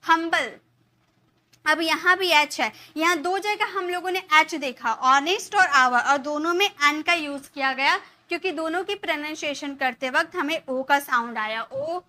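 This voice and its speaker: A woman teaching spoken English in Hindi, walking through each example step by step. She poses a question and answers it herself. Her voice sits high and sounds bright. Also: moderate pace.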